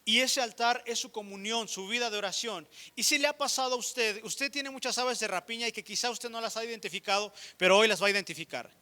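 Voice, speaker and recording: Mexican pastor, male, high and piercing delivery, lively sermon to the congregation. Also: quick pace, hardly any pauses. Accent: Mexican Spanish. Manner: animated preaching addressing the congregation directly.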